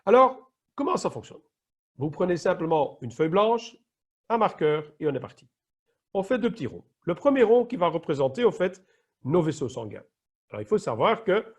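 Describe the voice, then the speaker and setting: A middle-aged Flemish man from Flanders, Belgium, speaks in a slightly high voice with a breathy edge. He is an emergency nurse explaining health topics in an online training presentation, occasionally searching for his words.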